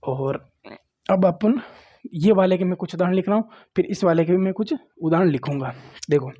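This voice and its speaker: Mellow-voiced grammar teacher, man. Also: sits high, normal speed. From Rajasthan. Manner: repeats "देखो" and "ठीक है", coaxing and plain. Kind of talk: classroom lecture at a board.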